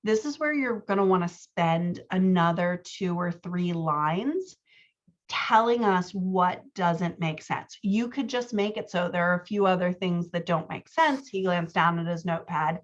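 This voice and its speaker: A writing coach who also hosts a podcast reviews a manuscript in a chatty, explanatory way, musing aloud and often asking "right?". She speaks a little slowly with a fairly low pitch, and the recording is muffled.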